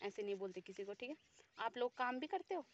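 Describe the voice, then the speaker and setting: Woman vlogger, teasing and bossy with kids, high voice, outdoor phone recording. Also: animated, quick pace, lo-fi sound. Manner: teasing, scolding in a friendly way. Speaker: vlogger chatting with village children. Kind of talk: casual chat. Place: outdoors in a hill village.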